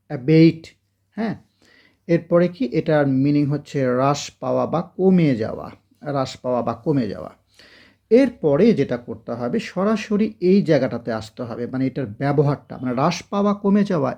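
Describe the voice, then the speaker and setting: A Bangladeshi man teaching English vocabulary, repeating each word slowly for students to drill, and reading example sentences out very slowly. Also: medium pitch, gravelly, dark tone, breathy edge, muffled recording. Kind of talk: classroom-style vocabulary lesson.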